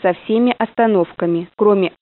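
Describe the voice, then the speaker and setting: A woman's voice: mid-range voice, normal speed. A woman making a formal announcement to passengers over the train intercom. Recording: tinny, distant intercom loudspeaker sound.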